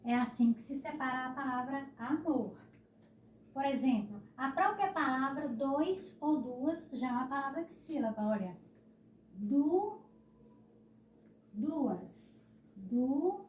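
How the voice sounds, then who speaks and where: A woman's voice: high voice, a little mellow, a little hiss or hum. Brazilian teacher woman, echoey and distant. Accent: Brazilian Portuguese. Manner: slow, syllable-stressing explanations with frequent "né?". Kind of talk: recorded classroom lesson.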